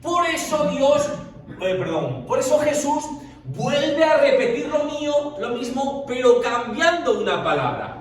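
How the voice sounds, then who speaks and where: A man's voice: extremely high pitch, big pitch swings, unhurried. A man leading a Bible study group, explaining at length and often checking in with the listeners. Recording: echoey room, far from the mic, faint noise.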